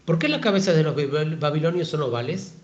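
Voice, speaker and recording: Man doing a provocative pest, insistent and pushy, higher voice, dull lo-fi sound. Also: expressive, fast, reverberant, close to an everyday voice. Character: pestering male bettor, provocative and insistent.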